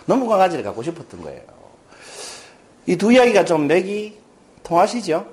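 Telling stories during a lecture, a man with a high voice keeps a normal pace. He's lively and acts out the lines of the characters he quotes.

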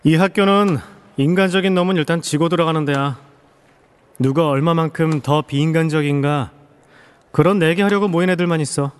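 High-voiced, blunt class president played by a man. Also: fairly quick, smooth, big-room sound, natural voice. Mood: cool, cynical. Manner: curt, matter-of-fact. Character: cool, blunt, cynical high school class president boy. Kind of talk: audio drama acting.

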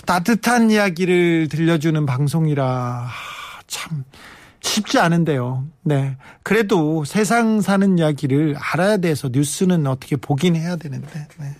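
A middle-aged man hosting a live radio show, chatting casually as he reads out listener messages, swinging between excited bursts and softer asides. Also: a little high, measured pace, dry recording, studio quality.

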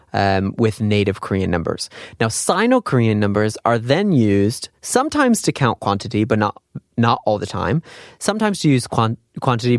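A man with a mid-range voice gives an informal spoken language lesson, explaining conversationally with examples and putting quiz questions to the listener as he goes. The studio sound is clean, with no echo.

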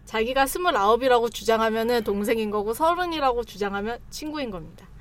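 Woman in her 30s on a talk panel, bit high voiced, tells stories and trails off. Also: quick pace. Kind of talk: casual talk show banter.

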